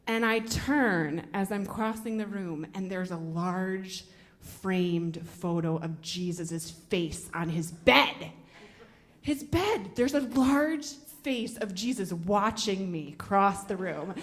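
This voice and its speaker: A woman telling a personal story to an audience, animated and full of "like", acting out her own thoughts. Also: medium pitch, slow. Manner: animated, filler-heavy "like", acts out her own inner thoughts.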